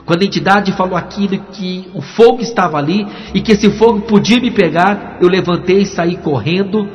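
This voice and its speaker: Pastor guy telling his testimony all dramatic, kinda high voice, big echoey hall, dull sound, soft music under. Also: normal speed. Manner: dramatic storytelling, quoting voices. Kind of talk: testimony sermon. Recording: dull recording with long hall reverb.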